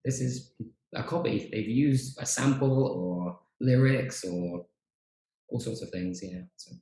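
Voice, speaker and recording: A podcast host who also trains teachers chats easily over a video call, speaking slowly in a mid-range voice. He's relaxed and talkative, using lots of fillers, and the room adds a noticeable echo.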